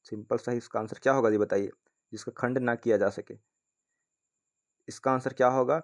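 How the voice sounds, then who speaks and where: A man's voice: medium pitch, fairly even intonation, normal speed. Man, teacher, casual exam-prep lesson, reads questions aloud, keeps checking in viewers. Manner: repeats checks like "ठीक है ना", addresses viewers as friends. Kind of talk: casual spoken lesson, reading quiz questions.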